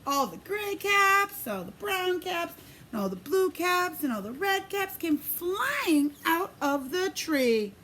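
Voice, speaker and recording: Pausing now and then to ask the little ones questions, a preschool teacher with a very high voice reads a picture book in a sing-song, expressive way, with slight background noise.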